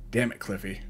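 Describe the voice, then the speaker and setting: Slow-paced man muttering through a video game. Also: a little hiss or hum. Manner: muttering to himself, hesitant, thinking aloud. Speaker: gamer, host of a let's play. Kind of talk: casual game commentary, reading on-screen text aloud. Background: retro video game music.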